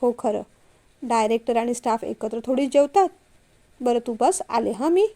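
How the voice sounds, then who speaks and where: A woman voicing a gentle young woman in a storybook reading, speaking softly and coaxingly to the man she loves. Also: fairly high pitch, expressive, normal speed. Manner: soft, coaxing. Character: gentle, apologetic young woman, office employee.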